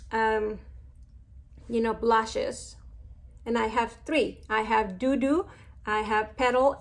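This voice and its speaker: With a slight hiss or hum on the recording, a middle-aged Mexican woman with a creaky voice on the high side chats about makeup she's reviewing. This beauty vlogger has a Mexican Spanish accent and a slow, easygoing manner, with fillers and asides that trail away.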